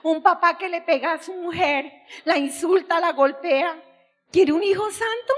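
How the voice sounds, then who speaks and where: Tearful, very high-voiced woman testifying. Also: a little slow. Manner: impassioned, tearful, crying out at times. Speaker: speaker giving religious testimony. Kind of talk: emotional religious testimony.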